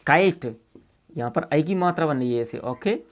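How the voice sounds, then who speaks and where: A male teacher walks through examples at an unhurried classroom pace. He talks in a casual, everyday way, often checking in with "okay" and "see here." He spells words letter by letter and repeats each one so it sinks in. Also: fairly high pitch, expressive. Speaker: English teacher. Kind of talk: classroom-style explanation.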